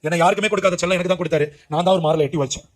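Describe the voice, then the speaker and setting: A man's voice: high-pitched, steady tone, racing. A man preaching an emotional testimony sermon, speaking with urgency and crying out to young listeners. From Puducherry, India. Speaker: preacher giving his testimony.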